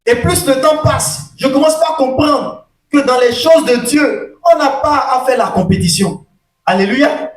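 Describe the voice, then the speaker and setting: A man preaches a sermon in a very high voice, dotting his talk with calls of "alléluia" and questions to the congregation. He drops into soft asides, then bursts into shouted emphasis. He is heard from a distance in an echoey room. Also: unhurried, soft background music. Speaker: pastor.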